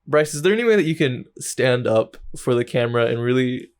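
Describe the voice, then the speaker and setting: A man's voice: medium pitch, animated, brisk, clean tone. Laughing man co-hosting a podcast. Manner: jokey, laughs often. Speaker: podcast co-host. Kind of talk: casual chat.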